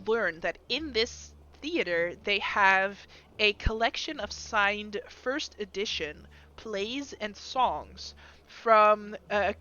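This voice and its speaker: A woman's voice: medium pitch, pushed and bright. Woman game master, slightly lo-fi. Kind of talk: improvised tabletop game narration.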